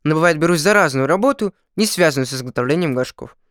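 A man's voice: a little high, lively intonation, fast, fairly bright tone, smooth, no room sound, studio quality. A man voicing a nervous, earnest peasant potter in a storybook reading, who sometimes stammers and gets flustered.

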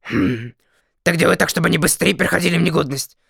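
A man voicing a sly, good-humored male dragon in a storybook reading, talking in a mocking, lively way. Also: on the high side, fast talker, creaky, breathy edge, no room sound, clean studio sound, full character voice.

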